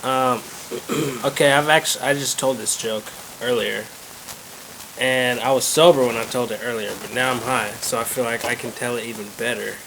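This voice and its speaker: A man's voice: medium pitch, moderate pace. A young man co-hosting a casual comedy podcast. He tells loose jokes, giggles and restarts his sentences. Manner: loose, giggly joke-teller. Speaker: podcast co-host. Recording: steady rain noise behind.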